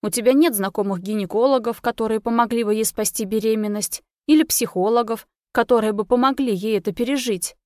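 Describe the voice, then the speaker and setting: A woman's voice: fairly high pitch, fairly quick, hardly any pauses, no room sound, clean studio sound, close to an everyday voice. Woman voicing an enraged grown son. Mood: shouting angrily. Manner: heated, accusing, often shouting. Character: young man, agitated grown son.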